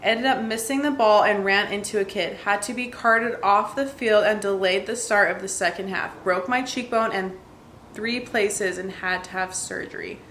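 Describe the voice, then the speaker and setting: A woman's voice: medium pitch, fairly even intonation, moderate pace, a bit bright. A woman in a chatty vlog reads stories aloud and reacts to them, laughing easily and dropping "like" into every sentence. Her voice bounces around an echoey room, with a faint hum of ambience behind it. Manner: chatty, laughs often, many "like" fillers. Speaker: vlogger reading viewer stories. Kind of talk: casual vlog chat, reading aloud.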